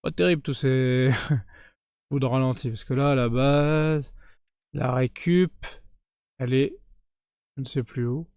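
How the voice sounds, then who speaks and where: A man giving casual let's-play commentary, chatting straight to his viewers and breaking into cheers and shouts during big plays. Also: medium pitch, slow pace, pauses often, smooth, no room sound, dull audio. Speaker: gaming YouTuber.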